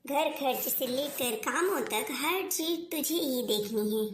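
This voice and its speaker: A woman's voice: high voice, expressive, slow pace, a little hiss or hum. A woman voicing a scheming middle-aged mother-in-law in a cartoon, giving orders in a bossy way. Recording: roomy echo.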